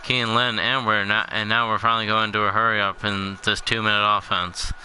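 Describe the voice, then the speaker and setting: A young man calls the plays of a football video game in a flat, monotone way, dropping dry jokes. His voice sits low yet sounds bright and sharp. Light background noise runs under him. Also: a little fast, poor audio. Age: young adult. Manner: monotone, dry jokey delivery. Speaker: play-by-play commentator. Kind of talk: casual video game commentary.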